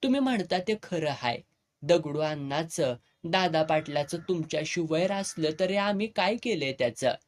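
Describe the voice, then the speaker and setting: A narrator speaks as a respectful young man, earnest and polite, with a lilt. His voice stays mid-pitched and plain. It is told like a storybook. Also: expressive, normal speed, natural voice.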